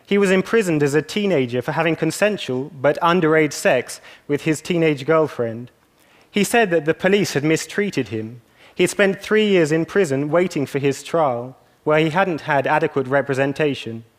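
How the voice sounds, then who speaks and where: A young man from England giving a measured, earnest talk to an audience. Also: a little high. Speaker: speaker. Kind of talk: scripted talk.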